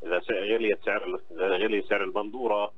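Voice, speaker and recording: A middle-aged man with a Palestinian accent, an agriculture official, joins a radio studio by phone as an interview guest. He explains things haltingly, repeating words, in a lowish, steady voice. The line sounds dull, with a clear hum.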